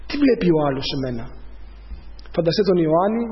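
Guy preaching in church, kinda high voice, long echoey hall reverb. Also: sing-song, dull audio, crowd noise. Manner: conversational preaching, addresses the congregation as brothers. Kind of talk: sermon.

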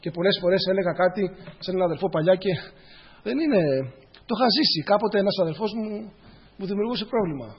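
Guy preaching to the brothers, kinda husky, telling his own stories, muffled recording. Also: sits high. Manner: addresses the congregation as brothers, tells personal stories; repeats phrases for emphasis. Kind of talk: sermon.

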